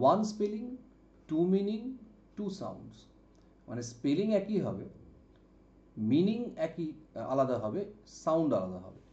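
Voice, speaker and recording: A man with a fairly high but mellow voice explains vocabulary, repeating each example word and asking whether his students follow. The sound is dull and carries room echo. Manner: explains slowly, repeats words and asks "ok?". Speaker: English vocabulary teacher. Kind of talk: exam-prep lesson.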